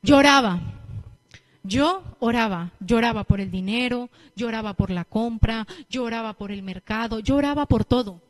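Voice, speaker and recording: A young woman preacher with a Latin American Spanish accent, giving a lively sermon and acting out what people say. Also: a little high, moderate pace, hardly any pauses. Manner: lively storytelling, acting out quotes.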